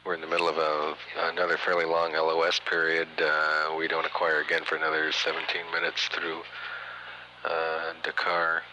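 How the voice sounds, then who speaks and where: A man giving matter-of-fact mission control status commentary, halting often with uhs and pauses, on an archival radio feed. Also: extremely low pitch, completely flat delivery, bright, forceful tone, a little hiss or hum, rough recording. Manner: halting, hesitant delivery with frequent uhs and pauses. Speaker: mission control announcer, public affairs commentator. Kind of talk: spaceflight status commentary, partly improvised.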